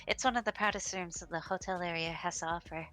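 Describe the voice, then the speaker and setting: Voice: mid-range voice, steady tone, quick pace, bright, forceful tone, faint music behind, natural voice, rough recording. A woman voicing a formal, courteous hotel clerk with an unsettling edge in a live game read. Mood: polite. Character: polite, creepy hotel clerk.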